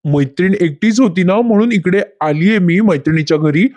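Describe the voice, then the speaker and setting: A man's voice: sits high, brisk, darkish tone, natural voice. A man voicing a nervous young married woman who dodges her husband's questions. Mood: evasive.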